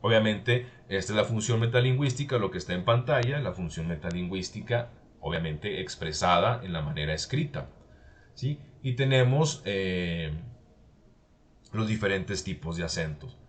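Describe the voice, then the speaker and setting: A male teacher lecturing a class, explaining step by step and often checking in with a quick "¿sí?". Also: low voice, expressive.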